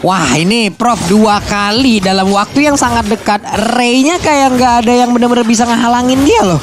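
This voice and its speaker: High-pitched Indonesian male esports caster. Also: normal speed, noisy background. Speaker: esports shoutcaster. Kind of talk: flowing play-by-play match commentary.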